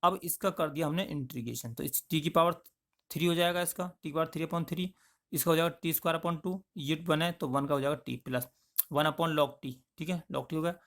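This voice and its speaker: A man teaches maths, explaining each step aloud in plain spoken terms and frequently checking in with "okay" as he works through the problems. His voice is on the high side and fairly bright, with fairly even intonation at a moderate pace.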